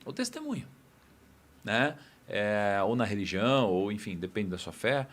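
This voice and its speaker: A man's voice: fairly low pitch, very animated, a little slow, fairly bright tone. A man speaking as a podcast guest, explaining ideas thoughtfully with frequent tag questions into a studio mic. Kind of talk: casual podcast discussion.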